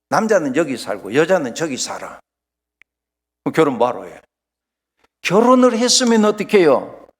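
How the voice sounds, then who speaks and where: A male pastor preaching a Sunday sermon, emphatic, swinging from loud exclamations down to near-whispers. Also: a little high. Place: church sanctuary. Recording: long church hall reverb.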